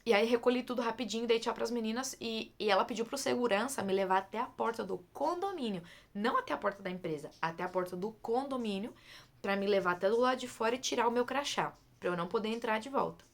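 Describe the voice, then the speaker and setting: Young woman from brazil telling her story, talks fast, bit of fry in the voice, keeps saying gente. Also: on the high side. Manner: lively, repeats words for emphasis, addresses listeners as "gente". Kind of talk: casual personal storytelling.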